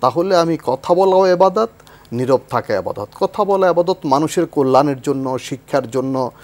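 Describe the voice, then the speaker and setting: A male Islamic scholar, a guest on a television talk show, speaking in a somewhat high voice. He explains ideas thoughtfully and recites Arabic phrases with care. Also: animated, moderate pace, a little mellow. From Bangladesh. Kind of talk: explanatory religious discussion.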